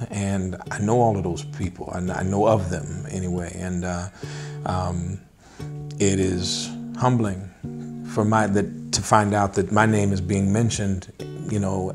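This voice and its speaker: A middle-aged man, a blues musician, speaking in an unhurried, thoughtful interview with many small pauses. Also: deep voice. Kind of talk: relaxed interview talk. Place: indoors, wood-paneled room, seated at a table. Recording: interview with guitar music mixed underneath.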